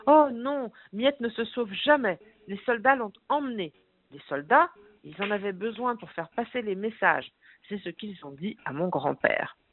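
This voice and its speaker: A woman's voice: medium pitch, lively intonation, normal speed, slight background noise, lightly acted. A woman reading aloud the lines of a young boy looking for his dog. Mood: earnest. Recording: phone-line sound.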